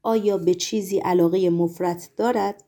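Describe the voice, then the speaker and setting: Play a woman voicing a stern Roman governor in a storybook reading; keep it mellow, formal and measured. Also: fairly low pitch, fairly even intonation, natural voice.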